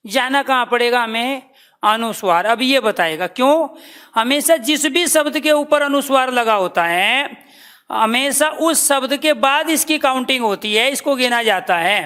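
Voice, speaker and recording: Brief: high-pitched woman, language teacher running a live online class, quizzing and repeating terms, addresses students as dear children. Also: fairly bright tone. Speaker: Hindi teacher.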